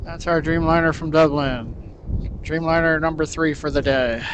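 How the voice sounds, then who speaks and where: A man hosting a livestream with casual, unhurried, musing commentary. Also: on the high side, steady tone. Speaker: livestream host. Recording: faint outdoor background noise.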